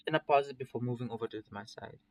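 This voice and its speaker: A man's voice: medium pitch, fast talker, darkish tone, rough recording. Man, casual story reader, first-person narration, plain delivery, occasional slips. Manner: reads plainly, with small slips and restarts. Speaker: narrator reading an interactive story aloud.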